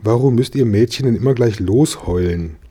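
A man's voice: lowish voice, moderate pace, dark tone, husky. A man reading a storybook and voicing a smug, dismissive older boy. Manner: scornful, dismissive.

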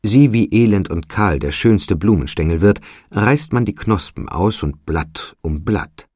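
A stern bell spirit, voiced by a man admonishes in a slow, solemn storybook reading. The voice is low, and the recording is dry and close. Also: animated, a little mellow, husky, no room sound. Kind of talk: audiobook character voice.

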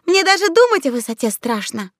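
A woman's voice: extremely high pitch, big pitch swings, a little fast, dry recording, clean studio sound, voice pushed up. A woman voicing a timid male vegetable creature in a storybook reading, speaking shyly and apologetically. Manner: shy, apologetic.

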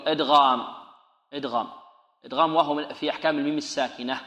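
A man teaching Quran recitation on the radio, asking his listeners questions and answering them, drilling each sound and drawing out the recited words slowly. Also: on the high side, fairly even intonation, sharp tone. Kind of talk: tajweed lesson on radio. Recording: echoey reverberant room.

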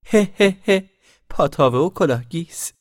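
A man's voice: on the high side, very animated, no echo, clean studio sound, voice pushed up. A man voicing a haughty, teasing young noble girl in an audiobook, mocking and imperious.

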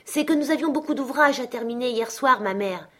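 A woman's voice: high voice, fairly quick, fairly bright tone, voice pushed up. A woman reading a storybook voices a dutiful young working daughter, polite and eager.

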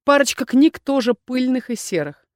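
A woman reading a fantasy novel aloud in the first person, with steady storytelling. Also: sits high, moderate pace, no echo, clean studio sound. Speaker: narrator. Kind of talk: audiobook narration.

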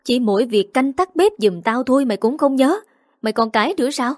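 Woman playing a shrill scolding mother-in-law. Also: expressive, a little fast, no room sound, studio quality. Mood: furious. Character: scolding older mother-in-law, hot-tempered.

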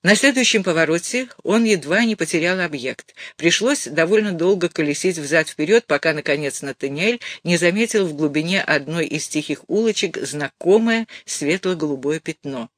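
A man narrating a detective novel aloud in a steady storytelling manner. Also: on the high side, normal speed, few pauses, no echo, clean studio sound. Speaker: audiobook narrator. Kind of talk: scripted narration.

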